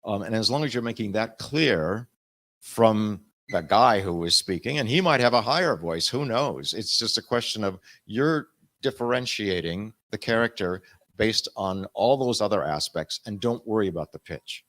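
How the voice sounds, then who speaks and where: A man, an audiobook narrator, talking on a convention panel in an animated, explaining way. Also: lowish voice, normal speed.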